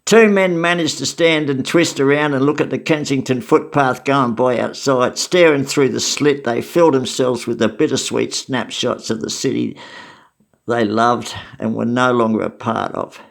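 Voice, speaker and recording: This older Australian storyteller looks back on his life in a casual spoken memoir, wry and matter-of-fact in tone. He speaks at a moderate pace, his medium-pitched voice showing vocal fry.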